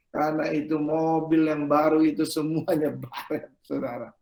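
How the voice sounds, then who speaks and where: A man preaching a sermon as pastor, telling a story with lively animation and often turning to address his listeners directly. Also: a little high, measured pace, vocal fry. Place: church service hall. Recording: echoey worship hall.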